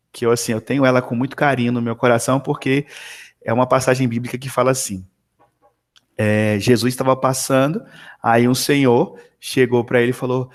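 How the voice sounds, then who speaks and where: A man tutoring math one-on-one over a video call, chatting in an animated, storytelling way with many tag questions. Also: medium pitch.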